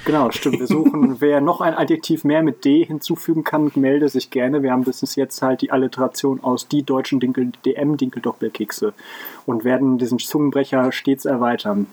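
A man's voice: medium pitch, steady tone, normal speed, darkish tone. Young male podcast co-host, mid-range voice, chatty, rambling, self-mocking. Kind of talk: casual chat.

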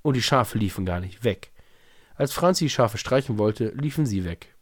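Low-voiced guy reading a kids story, steady, really dry close sound. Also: moderate pace, no echo. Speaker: podcast host and storyteller. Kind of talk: storybook reading and casual chat.

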